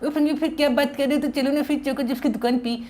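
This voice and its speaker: A man's voice: very high voice, steady tone, very fast, mellow, voice pushed up. A man voicing a cheeky, mischievous little cartoon boy, with a childish whiny lilt in gaming banter. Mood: excited. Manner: childish whiny lilt, starts lines with "uff, phir bhi". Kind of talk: gaming let's-play banter.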